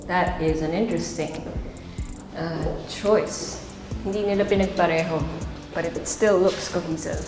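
Steady in tone and a little slow, a low-voiced Filipino woman hosts a house tour, chatting informally as she walks through empty indoor rooms and a stairwell. Nothing is scripted, and she switches into Tagalog for asides. A wireless body mic with its pack at her waist captures her in echoey bare rooms, with music underneath.

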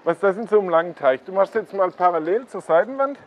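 A man's voice: high-pitched, animated, fast, dull audio, a little hiss or hum. A man hosts a koi blog, explaining things casually at a pond and pointing them out to the viewer.

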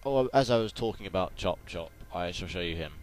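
Low-pitched and expressive, this man talks a little fast while hosting a gaming video, keeping his let's-play commentary casual, playful, chatty, and packed with exclaimed sound effects. Video game music and sounds play behind him, and the game audio is doubled.

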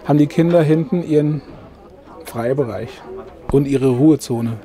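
A man's voice: normal speed, mellow. A middle-aged man, a sales manager, walking an interviewer through a camper van with lots of ähm fillers, recorded close inside the van at a trade fair. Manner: pitching, filler-heavy with frequent ähm. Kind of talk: product walkthrough.

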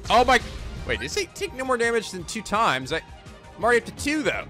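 A man giving comedic game commentary with a high, bright, gravelly voice that swings wildly in pitch. He jokes, swears freely and reacts in an animated way, with faint game music behind him. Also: fast talker. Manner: animated, joking, swearing, frequent laughter. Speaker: let's play host. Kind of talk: comedic let's play commentary.

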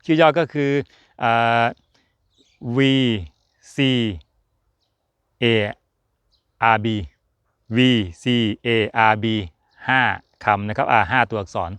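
A man in mid pitch chats casually about racing, jokey and loose, full of fillers and asides. His voice is smooth and resonant. It sounds close and dry, with no room around it. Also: takes it slowly, pauses often, a bit bright, no room sound. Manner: chatty, jokey, rambling with fillers. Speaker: F1 channel host. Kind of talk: casual chat to camera.

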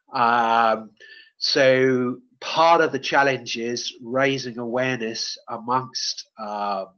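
A man giving a webinar talk, speaking in a mid-pitched voice that keeps stopping on "uh" and "you know" and starting phrases over. The sound is dull and lo-fi, typical of webinar audio. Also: a bit bright. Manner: hesitant, many fillers and restarts. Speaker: webinar presenter. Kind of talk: webinar presentation and Q&A.

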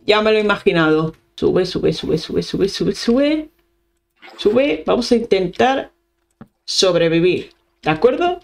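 A young woman from Spain with a Spanish accent, giving chatty, excitable let's-play commentary, talking to her viewers and humming along as she plays. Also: mid-range voice, unhurried. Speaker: gaming YouTuber.

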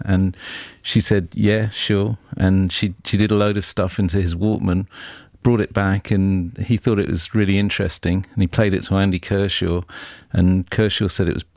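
Male guest, low voice, chatty anecdotal delivery, dry close mic. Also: little pitch movement, moderate pace, few pauses, darkish tone, no room sound. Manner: chatty storyteller, laughs often. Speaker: record label boss. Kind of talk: radio interview guest, anecdotes.

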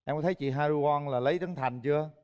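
A man's voice: a little high, quick pace, muffled recording. A middle-aged man with a Southern Vietnamese accent, hosting a dating show with playful interview questions. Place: TV studio stage with audience. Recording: reverberant studio, loud music behind.

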